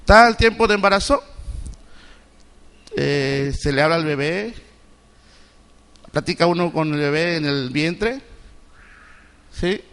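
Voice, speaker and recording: A man's voice: on the high side, expressive, a bit bright, clean tone, long reverb tail. A middle-aged man from Mexico preaching a Sunday school sermon. He keeps asking the congregation questions and often stops and restarts his sentences. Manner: asks the congregation repeated questions; halting, with many restarts. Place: church sanctuary.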